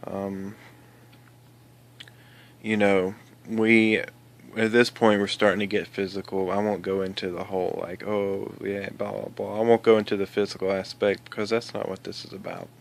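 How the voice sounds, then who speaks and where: Guy kinda low and monotone just rambling thru his own story, lots of restarts and "you know"s. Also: normal speed, gravelly. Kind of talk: casual personal storytelling.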